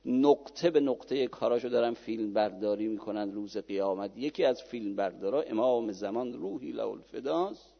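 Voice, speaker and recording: A male cleric preaching a sermon and telling stories, swinging from hushed lines to loud fervent ones. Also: mid-range voice, gravelly. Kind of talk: sermon with storytelling. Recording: dull lo-fi recording with long reverb.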